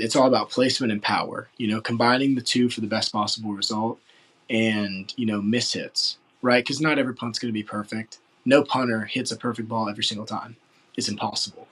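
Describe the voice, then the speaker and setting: An earnest man in his late teens from West Virginia, answering an interview with a somewhat low voice. He rambles a little and leans on filler words as he talks. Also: steady tone, a little fast, fairly bright tone, husky, low-quality recording. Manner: earnest, rambling, full of "you know" fillers. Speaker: football recruit interviewee.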